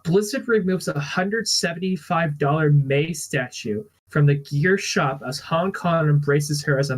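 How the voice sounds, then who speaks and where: A man hosting a casual podcast, explaining things in a halting, rambling way. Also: a little high, rough recording. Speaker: podcast host.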